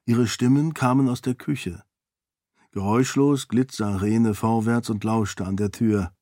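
A man reading an audiobook as narrator, at a slow, even pace. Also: fairly low pitch, dry recording, clean studio sound. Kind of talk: scripted narration.

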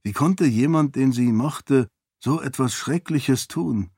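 A man narrating a fantasy audiobook in an even, deliberate way. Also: medium pitch, breathy edge, dry recording, clean studio sound.

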